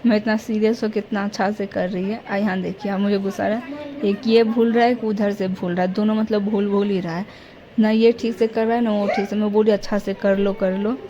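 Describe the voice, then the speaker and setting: A woman's voice: mid-range voice, fairly even intonation, a little fast, highs cut off, a crowd in the background. A young woman vlogger chatting casually and rambling through a family story. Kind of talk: casual family vlog narration. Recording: faint background noise.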